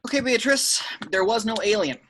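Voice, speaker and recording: A man reading the part of a dry, no-nonsense seasoned government agent at an amateur table read, clipped and deadpan. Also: high-pitched, fairly quick. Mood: deadpan, official.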